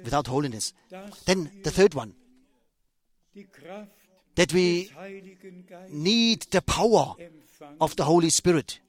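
An older man preaching a sermon in a slow, emphatic way, repeating his phrases and restarting as he goes. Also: on the high side, lively intonation.

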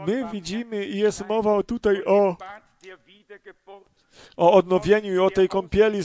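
High-voiced man preaching haltingly. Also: darkish tone. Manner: halting, many fillers and restarts; asks the congregation questions. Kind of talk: sermon with scripture reading.

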